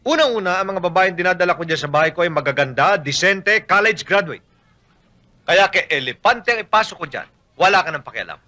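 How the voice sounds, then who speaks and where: Scolding, boastful neighbor, bright edgy tone. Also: male voice, high voice, animated, brisk. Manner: blustering and scolding. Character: irritable, boastful male neighbor.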